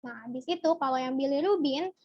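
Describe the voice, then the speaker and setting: A woman's voice: high-pitched, a little fast, no room sound, dull audio. A young woman giving a casual online biology lesson, chatty and asking her viewers questions as she explains. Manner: chatty, asks the viewers questions and answers from chat. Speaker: biology tutor.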